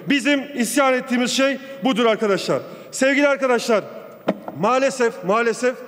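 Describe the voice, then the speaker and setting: A man delivering a forceful parliamentary speech at a rostrum pulpit microphone in a large chamber. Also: very high-pitched. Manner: forceful, emphatic oratory with repeated lists. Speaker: member of parliament. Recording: long hall reverb of a large chamber.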